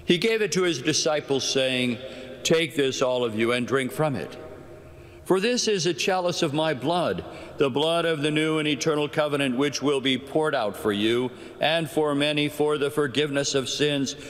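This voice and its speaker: Priest praying in a long cathedral echo. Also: male voice, on the high side, fairly bright tone. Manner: measured, formal delivery in short phrases. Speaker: priest celebrating Mass. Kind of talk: solemn liturgical prayer recitation. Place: large cathedral.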